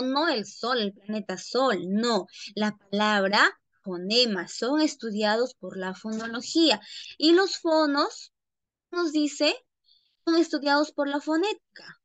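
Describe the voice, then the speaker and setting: A woman's voice: high-pitched, fairly bright tone, dry recording. A woman teacher giving an online lesson, often checking in with her students by asking "¿ya?" and calling them "chicos".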